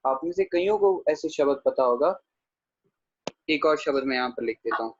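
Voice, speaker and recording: A man teaching a pronunciation lesson online, patiently repeating words slowly and checking in with students by name. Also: medium pitch, animated, creaky, husky. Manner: patient, repeats words slowly to model pronunciation, says 'theek hai' often; addresses students by name, answering their questions. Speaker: Gurbani grammar teacher. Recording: dull dry lo-fi audio.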